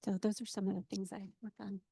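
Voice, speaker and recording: A woman clinician speaks on a panel in a steady, explanatory way. Her delivery stays flat in pitch, with a gravelly edge and a dark, mellow tone. The sound is dry and close. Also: quick pace, no room sound. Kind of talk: panel talk.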